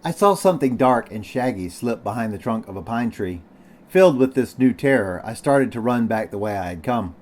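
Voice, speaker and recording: A man's voice: mid-range voice, expressive, brisk, darkish tone. Teacher guy reading a story aloud for his class, plain narration, calls out page numbers. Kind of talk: read-aloud narration of a novel.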